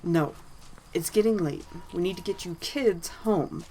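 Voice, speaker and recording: A woman's voice: mid-range voice, unhurried, warm tone, close to an everyday voice. A woman voicing a cold, stern male elf who snaps short orders. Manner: curt, hissing orders.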